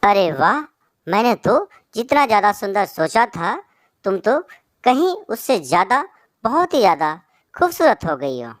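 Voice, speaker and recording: A woman's voice: mid-range voice, big pitch swings, a little slow, no echo, studio quality. Woman doing a fickle young male pigeon. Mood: delighted.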